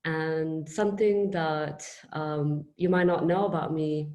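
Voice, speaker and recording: A woman from Morocco introducing herself gently, with many hesitant fillers. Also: sits low, fairly even intonation, slow pace. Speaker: participant. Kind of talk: personal introduction.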